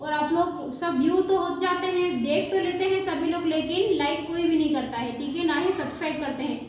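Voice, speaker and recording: A very high-voiced woman teaches beginners phonics, spelling letters slowly and asking and answering her own questions. Her voice sits far back from the mic in a strongly echoing room, with a faint hum underneath. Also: darkish tone.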